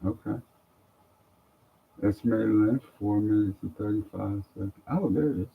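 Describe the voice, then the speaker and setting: A man with a low, slightly husky voice talks offhand to his live viewers as he works out new software. He thinks aloud in a loose, chatty way. The audio is thin and tinny, like a phone line. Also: normal speed. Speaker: trader streaming live. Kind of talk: casual live commentary.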